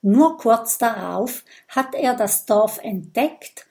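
A woman narrating a children's audiobook in a calm, clear storytelling manner. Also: a little high, slow pace.

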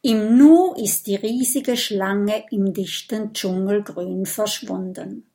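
A woman narrating a children's story in a clear storytelling manner. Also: mid-range voice, slow pace, dark tone. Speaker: audiobook narrator.

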